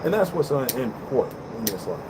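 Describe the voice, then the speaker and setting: A vlogger in his fifties gives a casual advice monologue on an outdoor balcony, talking a little fast with a normal mid-range pitch. He's earnest and rambling, swears freely and keeps circling back to the same points. Steady traffic and an air-conditioner hum are clearly audible behind him.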